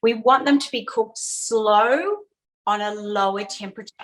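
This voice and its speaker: Aussie lady running a kids cooking class on a video call, chatty and a bit high, says things twice. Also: measured pace, rough recording. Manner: chatty, repeats key steps, frequent fillers. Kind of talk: online cooking lesson.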